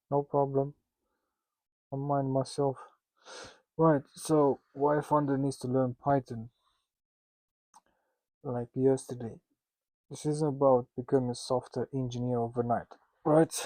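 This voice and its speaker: Here a Russian-accented instructor gives founders an informal talk, his medium-pitched voice dark in tone on a rough recording with no room sound. He mocks himself and wanders into joking asides, frequently stopping, restarting, and filling gaps.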